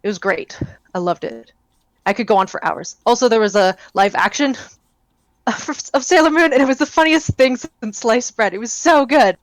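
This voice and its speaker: Young woman, podcast co-host, rambling and excited, dry sound. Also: fairly high pitch, moderate pace, dry recording. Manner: rambling, enthusiastic, many fillers. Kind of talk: casual chat.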